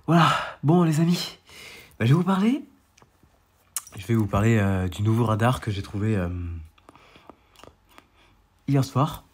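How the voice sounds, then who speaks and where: Here the sick weather vlogger talks in a medium-pitched, expressive voice with a breathy edge, unhurried and pausing often. Congested from a cold, the young man rambles repetitively through a radar screen share, restarting constantly and grumbling about feeling ill.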